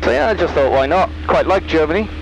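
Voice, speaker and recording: A man's voice: fairly high pitch, animated, quick pace, creaky, rough recording. A man riding as a passenger in a small aircraft, casually telling anecdotes. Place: microlight cockpit in flight. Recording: cockpit headset with engine noise.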